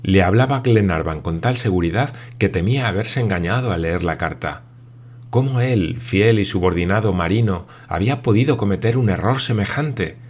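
A man reading a classic adventure novel aloud as narrator, measured and dramatic. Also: lowish voice, expressive, darkish tone, slightly rough. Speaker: audiobook narrator. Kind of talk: scripted narration.

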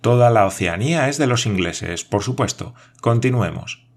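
A man voicing an excitable, middle-aged French geographer who exclaims in theatrical amazement. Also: medium pitch, moderate pace. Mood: amused.

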